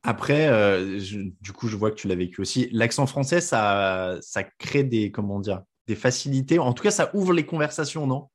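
A man's voice: mid-range voice, lively intonation, moderate pace, hardly any pauses. A man hosting a podcast, chatting casually and plugging the show's social media. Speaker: podcast host.

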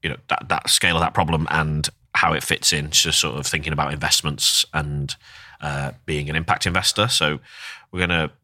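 A man's voice: very deep voice, steady tone, a little fast, hardly any pauses, pushed and bright, dry recording, studio quality. A man from Northern England co-hosting a podcast, chatting casually and hesitating often with ums. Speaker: podcast co-host. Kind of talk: casual chat.

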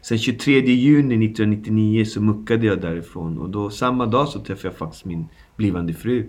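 A man's voice: on the low side, a little mellow. A man in his forties from the Stockholm suburbs, recounting his past in a candid interview with slangy, vivid retelling and sound effects. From Stockholm suburbs, Sweden. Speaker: guest.

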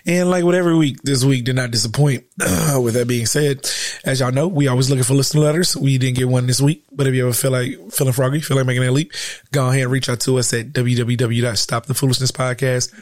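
A man's voice: medium pitch, steady tone, fast talker, a little mellow, dry recording, studio quality. A man hosting a podcast with a slightly nasal, stuffy-nosed voice from a cold, chatting in a slangy, profane, joking way. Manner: slangy, profane, laughs often. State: getting over a cold and sore throat. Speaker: podcast host. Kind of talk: casual comic chat.

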